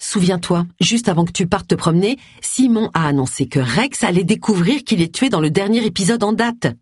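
A woman reading a brisk, bossy woman sleuth. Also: mid-range voice, expressive, breathy edge, dry recording, studio quality. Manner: brisk and commanding.

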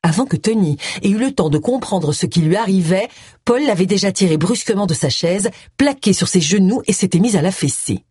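A woman narrating an audiobook in expressive storytelling style. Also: medium pitch, fairly quick, husky, dry recording, studio quality. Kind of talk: scripted narration.

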